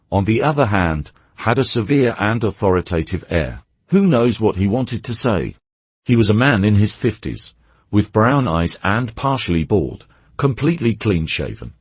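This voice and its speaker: A man narrating a novel as an audiobook, in a steady, descriptive storytelling way. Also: on the low side, slightly rough, no echo.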